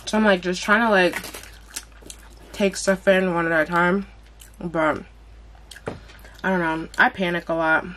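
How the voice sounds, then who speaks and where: A woman's voice: fairly low pitch, steady tone, measured pace, long pauses, a bit bright, a little hiss or hum. Slangy, chatty young woman vlogger. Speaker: mukbang vlogger. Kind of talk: casual chat while eating. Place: at home.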